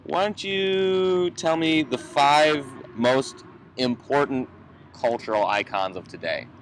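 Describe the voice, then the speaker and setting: A young man hosting a casual podcast interview in a park, laid-back and quick with short affirmations. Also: medium pitch, a little hiss or hum. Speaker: podcast host. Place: outdoors in a city park.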